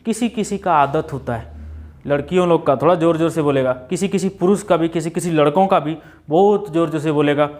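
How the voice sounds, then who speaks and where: A man from India teaching a spoken English lesson, explaining with chatty everyday examples and repeating English phrases slowly and carefully. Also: fairly high pitch, a little mellow. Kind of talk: classroom lesson.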